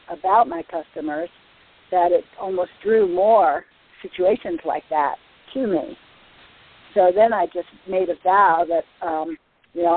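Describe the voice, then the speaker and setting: Earnest woman caller, husky, tinny phone sound. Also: fairly low pitch. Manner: earnest, repeats words. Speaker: participant. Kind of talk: sharing on a group call.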